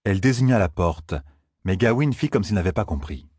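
Deep, husky male narrator. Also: expressive, brisk, darkish tone, no echo, studio quality. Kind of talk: scripted audiobook narration.

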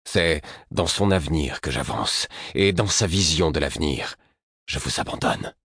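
A man's voice: very deep voice, animated, measured pace, fairly bright tone, breathy edge, dry recording, clean studio sound, exaggerated voice. A man voicing a cold, cutting hero.

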